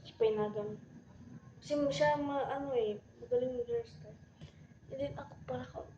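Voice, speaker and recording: A woman's voice: high voice, moderate pace, warm tone, highs cut off, a little hiss or hum. A woman chatting casually to camera, rambling and giggling, mixing in English phrases. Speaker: vlogger.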